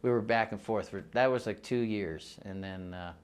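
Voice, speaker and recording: This musician in his sixties speaks in a lowish, clear, resonant voice at a moderate pace. Having grown up between the US and Mexico, he shares casual oral-history stories in a rambling way, full of laughs and restarts.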